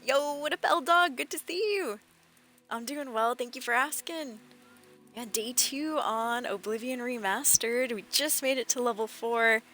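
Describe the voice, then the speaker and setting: A woman's voice: on the high side, unhurried, sharp tone, a little hiss or hum. A woman doing casual, playful live commentary as a game streamer, with music in the background.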